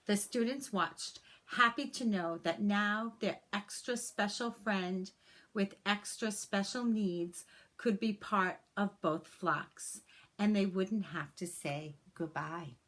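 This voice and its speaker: This medium-pitched storybook reader brings a children's story to life with careful, expressive reading, pausing now and then for personal asides.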